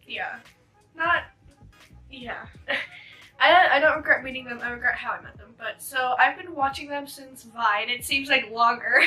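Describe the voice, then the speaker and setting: A woman's voice: high-pitched, sharp tone. A woman guest telling a story in a casual, giggly, self-conscious way. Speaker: guest friend. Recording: distant mic with faint music.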